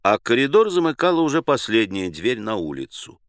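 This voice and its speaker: A man reading a novel aloud as an audiobook, acting out the characters' lines with changes in pitch and loudness. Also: very animated, brisk, no echo, studio quality. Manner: shifts pitch and loudness to act out characters' cries. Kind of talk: audiobook narration with acted dialogue.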